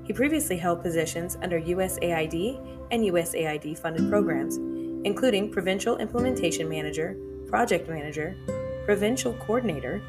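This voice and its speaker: A woman hosting an interview podcast, reading a prepared introduction in a clear, measured way and then asking questions. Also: lowish voice, lively intonation. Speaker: podcast host. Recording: music bed under the intro.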